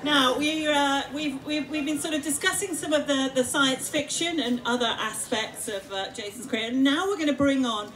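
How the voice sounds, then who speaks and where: A woman moderating a stage event before an audience, speaking haltingly with many fillers. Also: high voice, a bit bright, far from the mic, a little hiss or hum, low-quality recording. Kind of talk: moderating a public talk.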